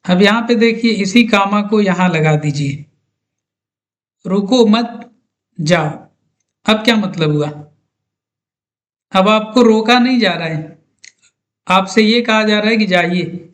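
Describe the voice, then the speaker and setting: A man's voice: sits high, a little slow, pauses often, a bit bright. A man teaching an English grammar lesson, patiently talking through examples step by step.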